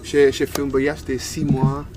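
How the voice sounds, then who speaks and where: Music sits behind the Argentine man, a native Spanish speaker in his thirties, as he talks casually as an interview guest. His mid-range voice is monotone and unhurried, and he pauses to find words, with a Spanish accent.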